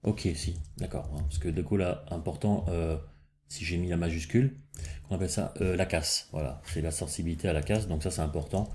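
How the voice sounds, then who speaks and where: A man's voice: low-pitched, fairly even intonation, a little fast, warm tone, slight background noise. A man hosting a casual coding lesson, thinking aloud as he works, with frequent fillers and restarts. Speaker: programming tutorial host.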